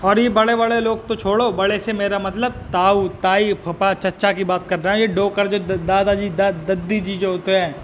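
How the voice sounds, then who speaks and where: A man's voice: high voice, level tone, normal speed, hardly any pauses, slight background noise. A man delivering a profane, mocking comedic rant. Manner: abusive, mocking rant with frequent swearing. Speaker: comedic roaster.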